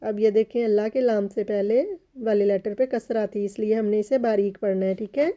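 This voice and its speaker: A woman teaching recitation rules patiently, repeating each point and chanting the Arabic words in long, drawn-out tones. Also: mid-range voice, steady tone, mellow, muffled recording. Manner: patient, repeats each word slowly and often says "theek hai". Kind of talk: step-by-step tajweed lesson.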